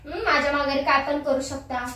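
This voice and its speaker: A woman's voice: high-pitched, steady tone, fairly quick, noisy background. A woman in a heated domestic argument, scolding and accusing her husband, recorded in an echoey room from a distance. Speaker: wife in a prank video.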